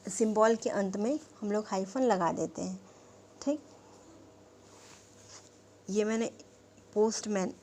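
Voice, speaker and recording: A woman's voice: mid-range voice, darkish tone, slight background noise. A woman teacher patiently explaining punctuation, spelling words out and often checking with "okay?". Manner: repeats "ठीक" and "है ना" to check understanding; slow, patient explaining with fillers. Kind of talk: classroom lesson on punctuation.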